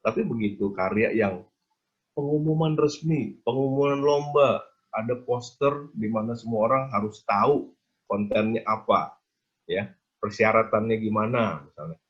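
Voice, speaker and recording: A man's voice: fairly low pitch, moderate pace, dull audio. A man giving an interactive design lecture on a video call, quizzing his audience with casual tag questions.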